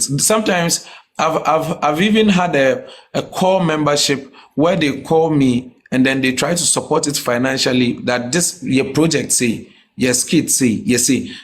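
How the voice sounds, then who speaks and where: A man with a Ghanaian West African accent speaks in a fairly high voice. He talks casually but with emphasis, as a guest making his case in a conversation. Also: normal speed. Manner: emphatic, often checks the listener understands; mixes English with a Ghanaian language. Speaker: comedian, podcast guest. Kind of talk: casual interview talk.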